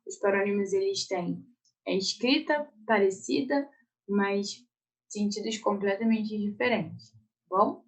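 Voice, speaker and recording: A woman with a Brazilian Portuguese accent teaches an online Portuguese lesson for exam prep, walking through each step and checking in with her students often. Her voice is medium-pitched and a little slow, and the recording quality is low.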